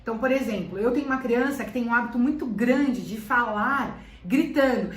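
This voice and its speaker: A woman's voice: fairly high pitch, brisk, reverberant, distant mic, very noisy. A woman with a Brazilian Portuguese accent, a teacher explaining things to parents, often repeating phrases for emphasis. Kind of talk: educational talk to parents.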